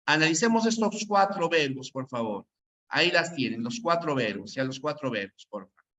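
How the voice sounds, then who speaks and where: This male grammar teacher has an expressive, pushed and bright voice on the high side, speaking at a moderate pace with slight background noise. He repeats points to drill them home and asks "¿no?" often, in a dull lo-fi classroom recording.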